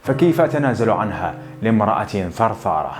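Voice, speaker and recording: A man's voice: lowish voice, very animated, faint music behind. A man reading the lines of a defiant divorced woman who scorns gossip and convention, in a scornful, questioning manner. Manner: scornful, cutting, rapid-fire questions. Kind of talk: audiobook narration.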